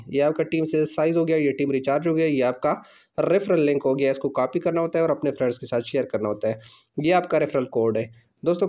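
A man's voice: fairly high pitch, dark tone. A man, the channel host, narrating a screen-recorded app walkthrough step by step with repeated fillers. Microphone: off-screen voice-over over phone screen recording.

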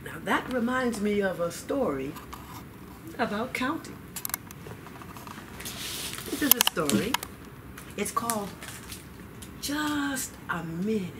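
Speaking in a mid-range voice, an older woman leads children's story time in the library's children's room, deliberate and full of expression with dramatic pauses. Room noise is audible through the distant microphone.

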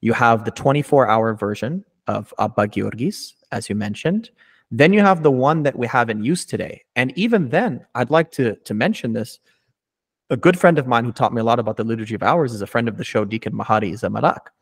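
A man's voice: medium pitch, a little fast. A man in his thirties hosting an interview over a video call, asking detailed, thoughtful questions into a studio mic with a pop filter. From United States. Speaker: podcast host. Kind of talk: conversational interview. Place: small indoor room, video call. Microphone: studio mic with pop filter, headphones.

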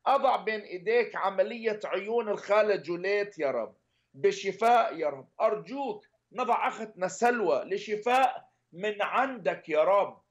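High-voiced man in earnest prayer. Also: lo-fi sound. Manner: earnest, pleading, repetitive petitions. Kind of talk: intercessory prayer.

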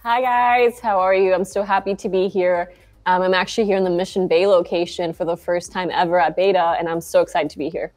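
Soft music plays behind a young Argentine woman whose darkish, low-side voice stays steady and fairly quick. She's a founder guest chatting casually on a video call from a bright shop, using lots of fillers.

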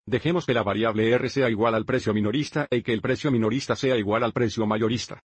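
Male math teacher, steady and methodical, husky voice at a middle pitch. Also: quick pace, dry recording, clean studio sound. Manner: steady, methodical step-by-step explaining. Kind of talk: dubbed math lesson narration.

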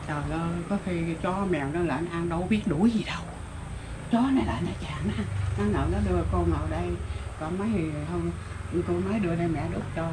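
A woman's voice: fairly low pitch, fast. Older Southern Vietnamese woman, plain-spoken. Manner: plain-spoken, rambling, with exclamations. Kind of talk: casual rural storytelling. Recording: noticeable background noise.

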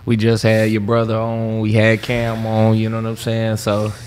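Easygoing podcast host. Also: male voice, on the low side, completely flat delivery, darkish tone, smooth. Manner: easygoing, quick to laugh and agree. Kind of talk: casual podcast interview.

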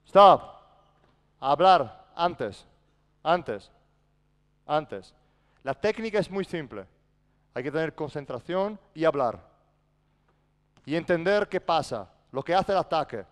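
A man's voice: a little high, sing-song, measured pace, pauses often. A man coaching a basketball practice in a large indoor gym, barking short commands and then explaining patiently. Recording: echoey gym reverb.

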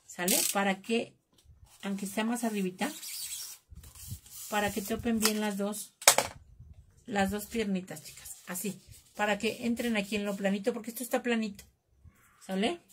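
A woman's voice: mid-range voice, fairly even intonation, moderate pace, long pauses, background noise. A woman with a Mexican accent hosting a live craft class, chatting and joking with her viewers while she works. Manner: chatty, jokey, calls viewers "chicas".

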